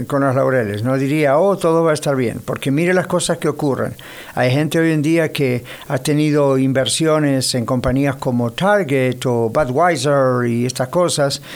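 A man, a pastor, gives a conversational radio sermon, speaking directly to the listener. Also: on the high side. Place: United States.

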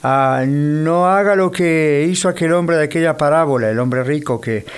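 A man's voice: on the high side, normal speed, smooth. A man, a pastor, gives a conversational radio sermon, speaking directly to the listener. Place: United States.

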